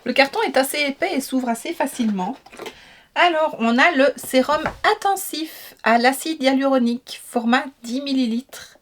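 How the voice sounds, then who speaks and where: A woman's voice: high-pitched, normal speed, a little hiss or hum. Chatty woman unboxing. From Belgium. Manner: chatty, enthusiastic, many fillers. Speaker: beauty vlogger. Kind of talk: casual unboxing chat.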